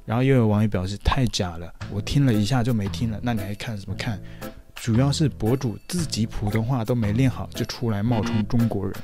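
A man's voice: lowish voice, brisk, music in the background. Sarcastic young man with a Taiwanese lilt. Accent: Taiwanese-accented Mandarin. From mainland China. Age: young adult. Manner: sarcastic, mocking, animated. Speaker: YouTuber guest. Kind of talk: reading and rebutting viewer comments.

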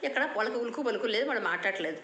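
An older woman tells a children's bedtime story at a brisk clip, animated and moralizing. Her voice rings in a roomy space with a faint hiss behind it. Her pitch sits in an ordinary middle range.

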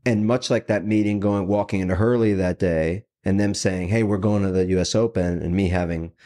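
A man, a company CEO, telling his career story as a podcast guest, quick and animated, acting out the voices of people he quotes. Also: sits low.

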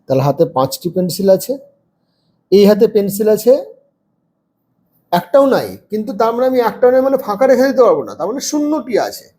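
A man's voice: high voice, big pitch swings, fast talker, pauses often, dark tone. A man with a Bengali accent teaching a children's lesson, patiently spelling out words letter by letter and counting aloud. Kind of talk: reading lesson for young children.

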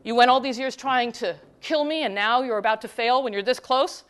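A woman's voice: on the high side, brisk, smooth, lightly acted. A woman voicing a sneering male swordsman villain in a mocking tone, as a quote in her talk.

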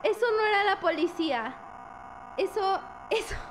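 High-voiced woman streamer, easily startled. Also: expressive, normal speed, over music. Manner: jumpy, exclaims at scares, talks to chat. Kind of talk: gaming commentary.

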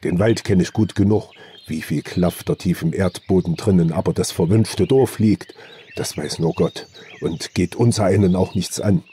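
A gruff but kindly old woodsman , voiced by a man reading an audiobook talks in a folksy, earthy way. His voice sits low and mellow, grounded and unhurried. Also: slight background noise, close to an everyday voice. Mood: uneasy. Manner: folksy, earthy storytelling speech. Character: old male forest hunter, gruff but good-natured.

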